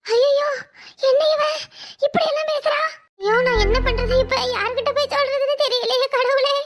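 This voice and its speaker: Brief: a high, bright voice doing a panicky scheming sister-in-law, wailing, talking to herself. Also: moderate pace. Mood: frantic. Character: anxious young sister-in-law, scheming and frantic. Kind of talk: Tamil family drama voiceover.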